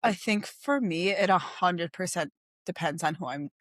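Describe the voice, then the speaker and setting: A young woman from Minnesota with a Minnesotan accent, co-hosting a podcast in casual chat, talking fast with lots of fillers and swearing freely. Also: fairly low pitch, animated, fairly bright tone, no room sound, clean studio sound. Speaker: podcast co-host.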